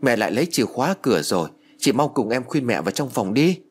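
A man's voice: mid-range voice, very animated, quick pace, slightly rough. A man voicing a frightened, anxious young woman in a spoken ghost story, pleading and flustered. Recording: music bed under voice.

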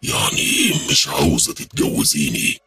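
A lovesick, menacing male jinn from a horror story, as a male storyteller puts him on. He speaks very low, slow and heavily husky, with an Egyptian accent. Faint music plays underneath. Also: wildly swooping pitch, sharp tone, dry recording, exaggerated voice. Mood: hurt. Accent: Egyptian Arabic.

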